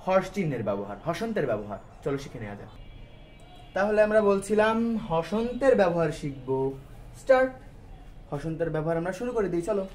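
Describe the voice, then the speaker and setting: A male teacher gives students a grammar lesson, explaining in stages and answering questions he raises himself, all in a colloquial style peppered with English. He speaks fast in a fairly high, sing-song voice with a darkish tone, and a slight hiss or hum is audible.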